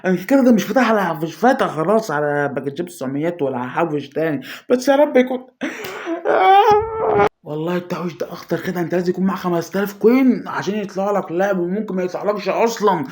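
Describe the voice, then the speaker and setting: A man with an Egyptian Arabic accent giving excited pack-opening commentary for his gaming channel, anxious and pleading, swinging between groans and shouts. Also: high voice, very fast. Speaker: gaming YouTuber.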